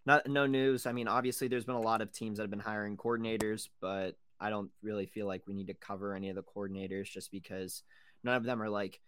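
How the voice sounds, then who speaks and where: A man's voice: on the low side, steady tone, quick pace, background noise. A young man co-hosting a football podcast, talking in a loose, rambling way with lots of fillers. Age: young adult. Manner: rambling, hesitant, filler-heavy. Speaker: podcast co-host. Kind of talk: casual chat.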